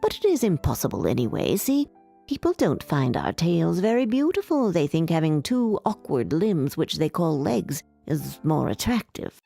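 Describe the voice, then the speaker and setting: A woman voicing a gentle old mermaid grandmother who explains calmly and patiently. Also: deep voice, moderate pace, creaky, soft background music, exaggerated voice.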